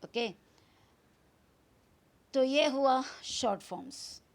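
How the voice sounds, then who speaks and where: A woman's voice: high-pitched, slow pace. A woman from India, teaching grammar in a video lesson, repeating each form and spelling words out. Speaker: English teacher.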